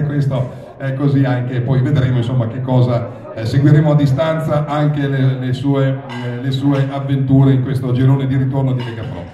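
A middle-aged man hosting a live event and auction on a handheld microphone, speaking in a halting, wordy, improvised way. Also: mid-range voice, mellow, lo-fi sound. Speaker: master of ceremonies and charity auctioneer. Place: crowded restaurant dining hall, indoors. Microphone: handheld microphone over speakers, recorded by audience camera. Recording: roomy hall PA, distant, audience chatter.

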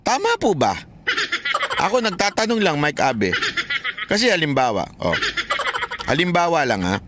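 This is a man hosting a comedic commentary show. His slightly raised voice jumps up and down as he jokes and laughs through his points. Steady background noise sits clearly under the recording. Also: on the high side, normal speed. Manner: joking, laughs often, asks rhetorical questions. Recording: noisy background.

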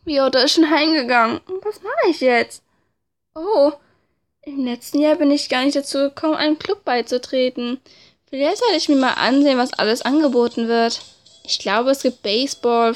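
Female let's play narrator, high-pitched, expressive reading of game text with casual asides. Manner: expressive, informal.

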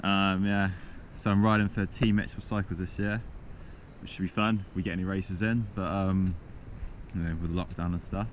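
A young man with a southern English accent, rambling casually while riding a mountain bike outdoors, recorded on a bike camera with loud wind and trail noise behind him. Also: low voice, normal speed, rough recording. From southern England. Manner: rambling, relaxed, chatty.

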